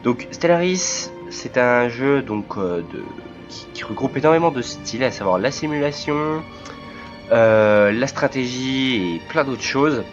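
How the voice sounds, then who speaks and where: Casting note: man, under the weather, hosts his game let's play with halting commentary full of fillers. Lo-fi home mic, soft game music under him. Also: mid-range voice, animated. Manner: hesitant, many filler pauses. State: sick, voice cracking. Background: faint game music.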